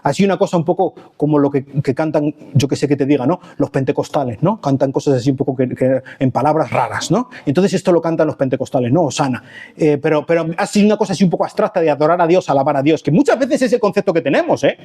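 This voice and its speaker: A middle-aged pastor from Spain, preaching a sermon and acting out quoted pleas with sudden jumps in pitch. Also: male voice, expressive, quick pace, dark tone, husky.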